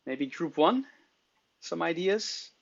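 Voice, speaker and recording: Guy running a group class, encouraging, bit higher voiced, muddy lo-fi call sound. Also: expressive, takes it slowly, vocal fry. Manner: encouraging, repeats acknowledgements. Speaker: course facilitator. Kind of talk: informal class facilitation. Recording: dull, lo-fi call audio.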